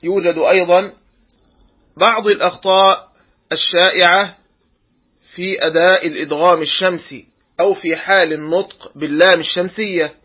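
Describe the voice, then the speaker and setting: A man teaching Quran recitation rules, drawing out each example word slowly and deliberately. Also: high voice, steady tone, breathy edge, muffled recording. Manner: slow, deliberate, drawn-out example words. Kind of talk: tajweed lesson.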